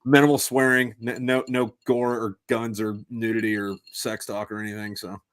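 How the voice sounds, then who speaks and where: A man's voice: fairly low pitch, level tone, normal speed, clear, resonant tone, no room sound. A man hosting a casual chat, often repeating words in a stammering run-up to his sentences. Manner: stammering word repetitions. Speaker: podcast host.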